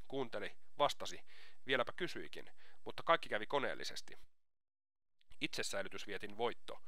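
A man reading an audiobook aloud, in a steady, measured narrating voice. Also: fairly low pitch, dry recording, clean studio sound. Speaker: audiobook reader. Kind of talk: scripted narration.

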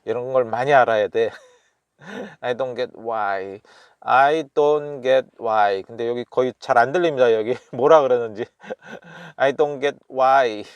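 A man chatting casually as he studies, chuckling often and repeating phrases slowly while thinking aloud. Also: medium pitch, clear, resonant tone, no echo. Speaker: self-taught language learner. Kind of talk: casual study commentary.

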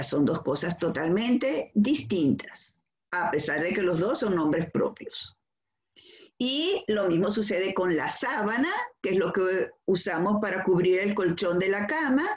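A Venezuelan woman teaching a school lesson, talking slowly and deliberately. Her voice sits at a middle pitch, and she asks herself questions before answering them. The room adds a noticeable echo. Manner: slow, careful explanation with examples and rhetorical questions. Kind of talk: recorded school lesson on accentuation. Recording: echoey room.

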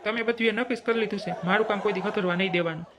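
A woman voices a gruff, impatient male digger operator in a cartoon, with a Kathiawadi accent. He talks fast and brusquely, puffing himself up as an official in a mid-range voice. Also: mid-range voice, noisy background, natural voice. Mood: grudging. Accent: Kathiawadi Gujarati. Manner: brusque, blustering, self-important. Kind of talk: cartoon comedy voice acting.

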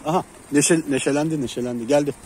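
A man with a somewhat high voice talks casually to the camera beside his pigeon loft. He keeps breaking off to call and coax the birds down. Traffic and birdsong fill the noisy outdoor recording around him. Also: steady tone, fast talker. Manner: calls and coaxes pigeons loudly, chatty. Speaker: pigeon keeper and channel host. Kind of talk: casual outdoor vlog chat. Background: birds and city traffic.

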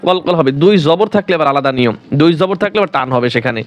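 A man teaching the rules for reading the Quran, asking questions and answering them himself, and repeating each word slowly. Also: on the high side, animated. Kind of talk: explaining rules to viewers.

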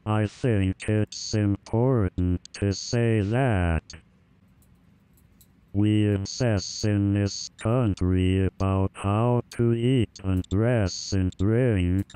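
Very slow, deep, smooth male reader. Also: steady tone, dark tone, dry recording, rough recording. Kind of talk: scripted reading of a personal essay.

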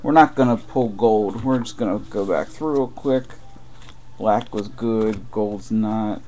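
Muttering his way through a live trading card break, a host opens packs at a desk stacked with boxes. His voice is fairly low and mellow, a little slow, and wrappers crinkle faintly behind him.

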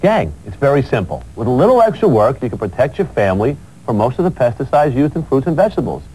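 A man hosting a fitness TV show, coaching a workout with energetic calls and then interviewing a guest. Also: fast talker, a little hiss or hum, poor audio. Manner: pumped-up coaching calls, lively pitch.

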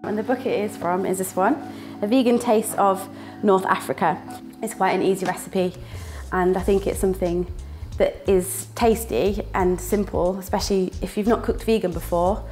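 Cooking in a small indoor kitchen, a young northern English woman presents casually as a student, laughing a lot and tossing in little sound words. Her medium-pitched, darkish voice stays steady at normal speed with hardly any pauses, while faint music plays behind.

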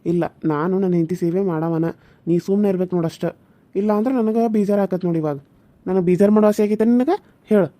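A woman voicing a gentle young village husband in a cartoon serial, earnest and pleading, with a North Karnataka accent. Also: fairly low pitch, quick pace, lightly acted. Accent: North Karnataka Kannada.

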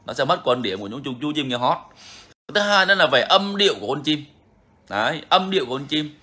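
This man hosts a bird-keeping channel and talks to his viewers in a casual, frank, chatty way, often repeating himself. His voice is fairly high, with wide pitch swings, and he speaks fast in a pushed, bright tone.

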